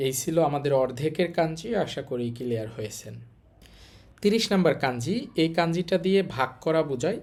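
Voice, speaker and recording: A language teacher with a Bangladeshi Bengali accent walks viewers through a kanji lesson. The delivery is patient, and each point comes back again with a rhetorical question. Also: mid-range voice.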